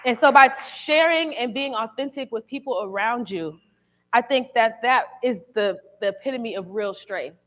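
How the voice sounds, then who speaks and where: A young woman with a somewhat high, slightly bright voice speaks at normal speed. She candidly shares a personal testimony with a church congregation in a conversational tone, using casual slang.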